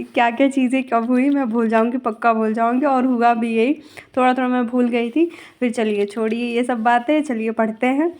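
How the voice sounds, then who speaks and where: A woman teacher talks over her own study vlog in a loose, chatty way. She rambles and stops to fix her own words as she goes. Her voice sits a touch higher than most. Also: a little mellow. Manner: chatty, rambling, self-correcting. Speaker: school teacher.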